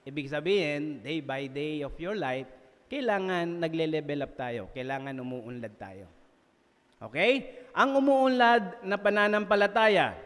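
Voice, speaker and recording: A Filipino man delivers a sermon in a fairly high voice, lively and quick to joke at his own expense. He keeps checking in with his congregation as he goes. His voice rings with the long reverb of a church hall. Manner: lively, jokes and laughs at himself, often checks in with listeners. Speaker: preacher. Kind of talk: sermon mixing Tagalog and English.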